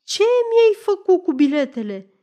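A woman voicing a hot-tempered middle-aged male clerk who shouts and threatens in an audiobook story. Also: on the high side, sing-song. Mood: furious.

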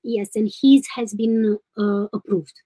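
A woman's voice: mid-range voice, fairly even intonation, slow pace, mellow, low-quality recording. A woman in her thirties from Romania, calling in over video and hesitantly laying out her situation in detail. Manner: hesitant, detailed step-by-step account. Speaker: caller. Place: home room. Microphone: webcam on a video call.

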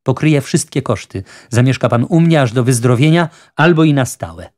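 A man's voice: medium pitch, lively intonation, normal speed, a little mellow, natural voice. A man voicing a genial, talkative wealthy judge who persuades with fussy good humor. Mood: urgent.

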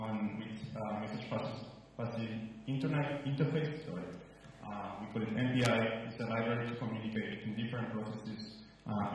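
A man in his thirties from Nicaragua giving a conference presentation into a handheld mic, halting with many fillers. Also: fairly low pitch, slight background noise. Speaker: researcher giving a conference talk. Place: large room at a conference. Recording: roomy hall sound from a distant mic.

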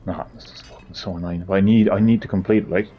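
A man's voice: sits low, fairly even intonation, fast, breathy edge, muffled recording, soft background music. A man giving gameplay commentary, frustrated, swearing and muttering to himself as he plays. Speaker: gamer.

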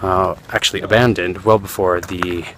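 A travel editor narrating a vlog outdoors at ancient ruins, chatty with many fillers, recording on a handheld camera. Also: male voice, deep voice, steady tone, normal speed. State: out of breath while climbing. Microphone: handheld camera while climbing. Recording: outdoor crowd noise behind.

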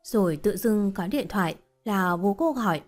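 A woman reading a short story as narrator in a steady, even storytelling voice. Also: medium pitch, moderate pace, soft background music.

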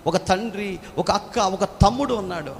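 A man's voice: sits high, moderate pace, voice pushed up. A male preacher voicing a young nurse, devout and forgiving, who speaks in an earnest, impassioned way. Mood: solemn. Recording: echoey hall, faint background noise.

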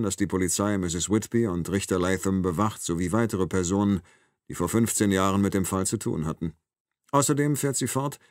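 A man narrating a thriller audiobook in an even, measured reading. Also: fairly low pitch, no room sound, studio quality.

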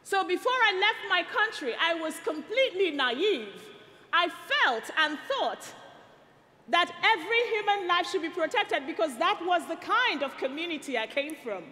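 A woman from Nigeria in her thirties giving a rousing speech to a youth rally on an arena stage through a headset mic, building to rallying shouts and call-and-response. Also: very high-pitched, big pitch swings, normal speed. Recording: long arena reverb. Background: arena hall.

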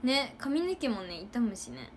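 Young woman, casual livestream chat, high and very animated, giggly, faint background hiss. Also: measured pace. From Japan. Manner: chatty, giggly, acts out loud quotes. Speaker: idol livestreamer.

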